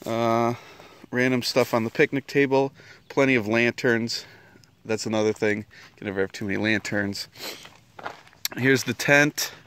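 A man's voice: medium pitch, normal speed, long pauses, smooth. A young man vlogging outdoors at a wooded campsite, chatting casually into a handheld camera as he walks and points things out. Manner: relaxed, chatty, listing things with fillers. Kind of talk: casual vlog tour. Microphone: handheld camera at arm's length.

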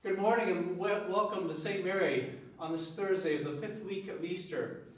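A man, a priest, leading Mass in a measured, solemn way, his voice ringing with cathedral echo. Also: high-pitched. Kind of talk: liturgical prayer and scripture reading. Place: large reverberant church. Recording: heavy church echo, mic far off.

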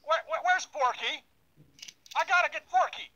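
Sheriff Woody, a whooping cowboy toy. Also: male voice, very high-pitched, moderate pace, sharp tone, a little hiss or hum. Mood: playful. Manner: folksy cowboy drawl, whooping and hollering. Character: cheerful adult male cowboy toy sheriff. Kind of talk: pull-string toy voice lines. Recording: lo-fi sound from a toy speaker.

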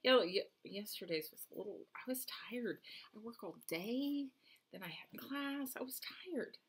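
A woman's voice: on the high side, animated, moderate pace, a little hiss or hum. A woman in her forties co-hosting a casual podcast with her son, talking in dry, teasing banter. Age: 40s. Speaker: podcast co-host, mother. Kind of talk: casual chat.

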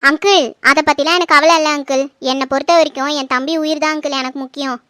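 Bright, piercing scold of a wedding-wrecking elder sister, a woman doing it for a family drama. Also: high-pitched, fairly even intonation, fast, dry recording, clean studio sound. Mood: accusing. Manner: scolding, accusing, commanding. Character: harsh angry older sister calling off a wedding. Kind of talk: home-made family drama.

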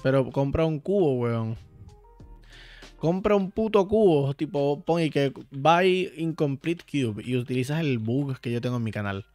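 A man's voice: medium pitch, unhurried, a little mellow. Playful, profane male game streamer. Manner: profane, playful, talks to chat directly. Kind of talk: casual live-stream chat while playing. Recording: dry sound, faint background music.

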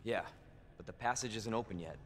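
An actor playing a young rookie on a grim first day in a video game. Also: male voice, on the low side, a little fast, in a large hall, a little hiss or hum, close to an everyday voice. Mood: wry, uneasy.

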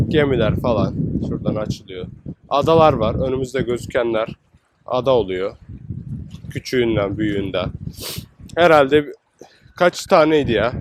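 A medium-pitched man walks outdoors through a windy city by the sea, making a laid-back travel vlog on a low-quality recording. His commentary is talkative and slangy, full of exclamations about the scenery.

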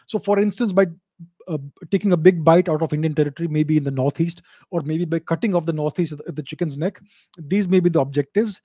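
Man explaining, dark and dry close-mic voice. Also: on the high side, husky, dry recording. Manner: measured, explanatory, repeats key points. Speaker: host answering live video call questions. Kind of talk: live video chat Q&A on geopolitics. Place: home study with bookshelves. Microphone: studio mic on a boom arm, close.

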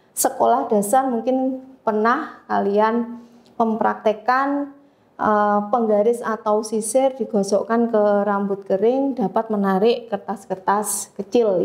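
A woman teaching a physics lesson, explaining step by step with frequent pauses and fillers. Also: a little high, darkish tone. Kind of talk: classroom lecture.

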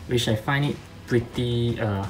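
A man casually reviewing toys in halting, hesitant speech, slightly slurred by a mouth numb from dental work. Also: medium pitch, faint music behind, poor audio. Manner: halting, hesitant, many long filled pauses. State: half of face numb after tooth operation. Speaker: toy reviewer. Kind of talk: casual unscripted review narration.

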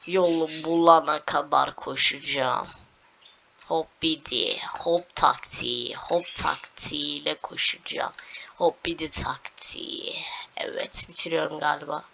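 A young woman giving casual commentary on her gameplay, excitable and talking to the game, repeating words as she plays. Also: low-pitched, unhurried, gravelly, highs cut off, a little hiss or hum. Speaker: gameplay streamer.

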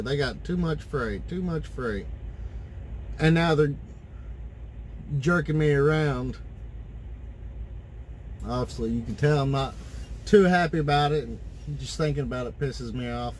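A man's voice: medium pitch, a little hiss or hum. A man in his thirties, an owner-operator truck driver, rambling in a frustrated casual vlog rant from inside his parked truck cab, filmed on a phone held at arm's length. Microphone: phone camera at arm's length.

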